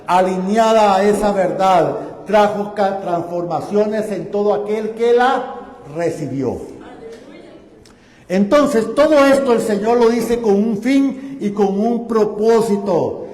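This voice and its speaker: Male pastor, high voice, fervent sermon, long church reverb. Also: slow pace. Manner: fervent preaching, building to loud exclamations. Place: church sanctuary. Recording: echoey church hall.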